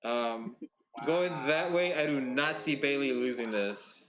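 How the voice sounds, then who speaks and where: A man's voice: medium pitch, unhurried, fairly bright tone. Man, podcast co-host, casual chat, rambling filler-heavy talk, faint background noise. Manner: rambling, full of "like" and "dude", swears casually.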